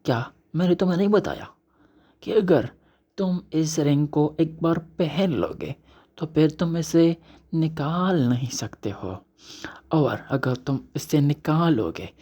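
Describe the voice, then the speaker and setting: A man's voice: a little high, warm tone, slightly rough, heavily acted. A man voicing a chatty, mocking male ring spirit in a story recap, teasing the hero and calling him child. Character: talking magic ring spirit, male, mocking know-it-all.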